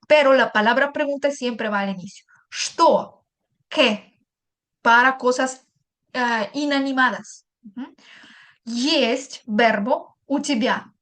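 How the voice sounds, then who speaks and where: A woman with a high voice teaching a patient, step-by-step language lesson. She repeats and translates each example and checks in with short asides. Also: fairly bright tone. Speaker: Russian teacher.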